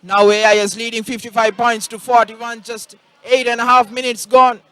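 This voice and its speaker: A man giving energetic live commentary and analysis at a school basketball final, calling out plays loudly. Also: very high voice, normal speed, clear, resonant tone, dry recording. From Sri Lanka. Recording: crowd noise faint behind.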